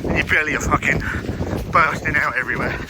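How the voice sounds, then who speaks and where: Bloke rambling while out running, highish voice, sweary, takes the piss out of himself, really loud wind and rain. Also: male voice, quick pace. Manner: talking while out running, in broken phrases; sweary, self-deprecating. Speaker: running vlogger. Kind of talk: casual rambling vlog chat. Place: outdoors along roads in the rain.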